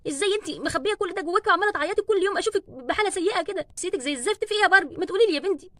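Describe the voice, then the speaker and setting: Woman voicing a caring mother, Egyptian accent, gentle, coaxing, very high, rapid. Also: lively intonation, heavily acted. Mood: worried. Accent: Egyptian Arabic. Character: worried caring mother, protective. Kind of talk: doll play storytelling.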